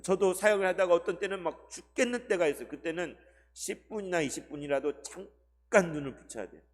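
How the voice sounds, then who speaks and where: A male pastor giving a Sunday sermon, asking the congregation questions and swinging between loud and hushed delivery. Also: sits high, a little fast. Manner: addresses the congregation with rhetorical questions; dramatic shifts between loud and soft delivery. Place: church sanctuary. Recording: long hall reverb.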